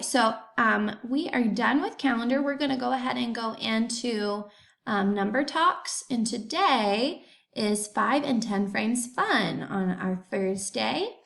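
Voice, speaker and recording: Kindergarten teacher, female, higher voice, unhurried and deliberate delivery for small kids. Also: vocal fry, a bit bright. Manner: slow, deliberate, sounding out words for young children. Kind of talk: remote classroom lesson.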